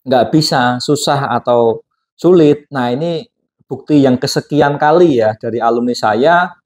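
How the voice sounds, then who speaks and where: Hosting a relaxed interview, a hypnosis teacher chats along, feeding his guest question after question and tacking on frequent tags. He speaks in a mid-range voice that's unhurried and slightly mellow.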